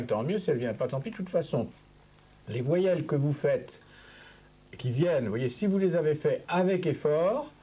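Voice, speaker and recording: A French-accented speech therapist coaches a patient through voice exercises, patient and encouraging, often checking that he is understood and repeating "vous voyez" a lot. His voice is a little high, mellow, and slightly rough.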